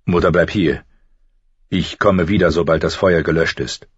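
A man voicing an earnest young noble son, calm and protective, speaking low and gently. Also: normal speed, slightly rough, no echo, lo-fi sound. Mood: tense.

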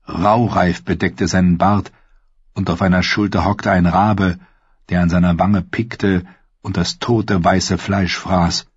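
A man reading scripted narration for an audiobook in a steady, measured way. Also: low-pitched, husky, no echo. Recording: slightly dull dry studio recording.

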